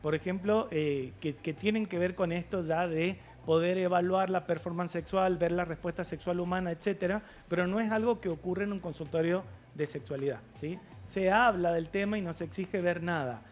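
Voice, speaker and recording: A man, a guest sexologist on a TV talk show, explaining things in a measured way with filler pauses. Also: sits high, faint music behind. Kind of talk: TV studio interview. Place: TV studio.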